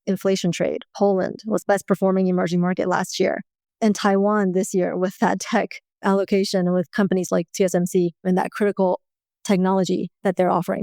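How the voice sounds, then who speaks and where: A woman in her forties from China and the US talks through investment ideas in a fluent, explanatory way. Her voice is smooth and resonant, recorded dry and close on a podcast mic. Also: medium pitch, darkish tone, dry recording. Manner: fluent, explanatory, occasional laughs. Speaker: guest, index fund founder. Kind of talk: conversational interview answers.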